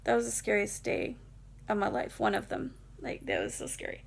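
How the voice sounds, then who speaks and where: A woman vlogger telling a story from her own life, talking in a casual, rambling way with lots of fillers. Her voice is mid-pitched and full of heavy vocal fry, a gravelly creak running through her speech. She sounds emotional as she tells it. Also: very animated, moderate pace.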